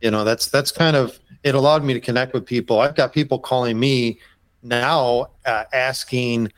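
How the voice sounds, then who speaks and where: This man's voice is mid-range with a fairly bright tone, and there's no room sound at all. Appearing as a habitat consultant on a casual podcast interview, he rambles in an easygoing way, peppering his speech with "you know."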